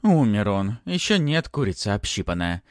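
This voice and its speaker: A man voicing a cruel, haughty middle-aged stepmother who talks in a shrill, scornful way in an audiobook. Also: big pitch swings, moderate pace, smooth, dry recording, studio quality. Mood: mocking.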